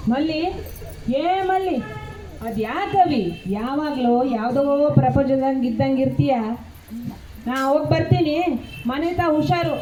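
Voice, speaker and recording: A woman's voice: sits high, unhurried, pauses often, warm tone, slight background noise, voice pushed down. A woman with a North Karnataka Kannada accent voicing a bossy young woman of the house, calling out in a nagging, impatient way. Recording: roomy home recording.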